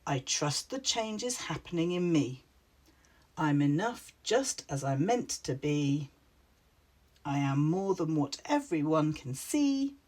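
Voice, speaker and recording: A woman's voice: sits low, very animated, slow pace, a little mellow, exaggerated voice. Woman reading a kind, soothing witch. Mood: gentle. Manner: soothing, reassuring. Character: kind, gentle female witch, comforting friend.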